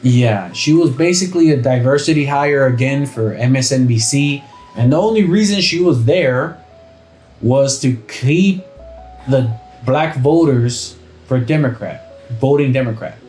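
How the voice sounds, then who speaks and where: A man's voice: mid-range voice, unhurried, darkish tone. A man hosts a podcast in a profane, combative, swaggering rant. His voice rings in an echoey room, with faint music under it. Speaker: podcast host. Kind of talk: ranting podcast commentary.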